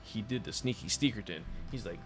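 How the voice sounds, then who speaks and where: A man on a game stream tells a rambling story, full of swearing and laughter. His voice sits somewhat low, and quiet music plays faintly underneath. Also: lively intonation, a little fast. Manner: profane, rambling, laughs often. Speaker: gaming streamer. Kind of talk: casual storytelling.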